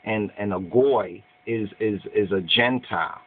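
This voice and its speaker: A man's voice: on the low side, a little slow, slightly rough. A middle-aged man preaching and commenting on scripture in Rastafarian speech, emphatic and repeating his phrases, recorded on a webcam in a small room. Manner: Rasta speech, saying "I and I" and "Jah"; emphatic, repeating phrases, checking "you understand". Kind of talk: sermon with scripture reading and commentary. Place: small cluttered room indoors. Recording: thin phone-like webcam sound.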